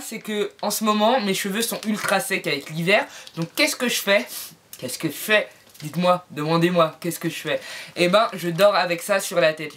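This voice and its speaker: A woman's voice: on the low side, fairly bright tone, a little hiss or hum. Playful woman chatting through a beauty review. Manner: playful, jokey asides to viewers. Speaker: beauty vlogger. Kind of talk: casual product review vlog. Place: home.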